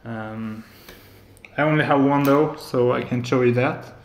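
His pitch is medium and his pace measured as this Norwegian-accented man in his thirties, from Norway, walks through a hobby electronics build. He's a hobbyist maker giving a casual tech demo, soft-spoken and hesitant with many filler sounds, recorded in an echoey room across his indoor apartment living room and kitchen.

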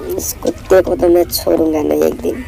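A young man, hoarse from a cold, giving jittery live commentary on a horror game, repeating words in quick bursts. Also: on the high side, expressive, warm tone, low-quality recording. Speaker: gaming channel host.

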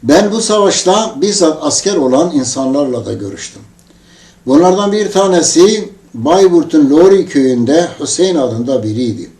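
A man's voice: a little high, animated, moderate pace, a little mellow. A man preaching to his congregation, telling a story with emphatic, rising outbursts. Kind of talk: impassioned storytelling sermon. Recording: echoey room, distant mic.

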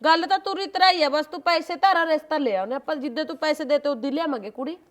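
A woman playing a scheming, sharp-tongued village sister-in-law, bossy and wheedling in a comedy skit. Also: high-pitched. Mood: coaxing. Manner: bossy, wheedling, quick to scold.

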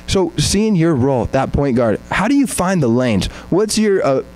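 A man's voice: fairly high pitch, big pitch swings, moderate pace, a little mellow, rough recording. A young man hosting a postgame interview, asking long, upbeat, rambling questions into a handheld mic. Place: press backdrop indoors.

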